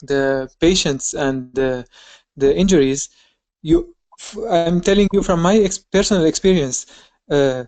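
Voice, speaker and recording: A woman's voice: low-pitched, a little slow, a little mellow, dry recording. Female surgery resident, earnest, dry close sound on a video call. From Syria. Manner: earnest, searches for words. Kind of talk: audience comment over a video call.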